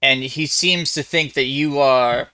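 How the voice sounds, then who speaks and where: A man's voice: mid-range voice, bright, forceful tone, clear, resonant tone, no room sound. A man doing a meek, timid crewman. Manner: slow, polite, apologetic hedging.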